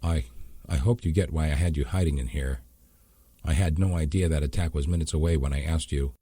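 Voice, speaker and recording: A man's voice: very deep voice, brisk, dark tone, husky, no echo, clean studio sound. A man voicing a weary army colonel who speaks in a hesitant, subdued way.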